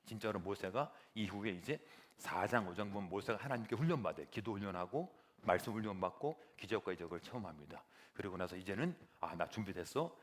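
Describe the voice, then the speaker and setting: A man preaching a sermon as pastor, animated and building to loud emphatic peaks. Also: fairly low pitch, fast.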